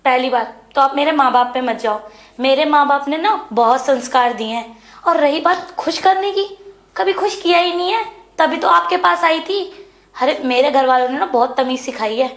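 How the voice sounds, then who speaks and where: A woman playing a frustrated young married woman who pleads with her brother-in-law, insistent and hushed. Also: sits high, moderate pace. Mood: pleading. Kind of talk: Hindi web series dialogue. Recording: echoey room.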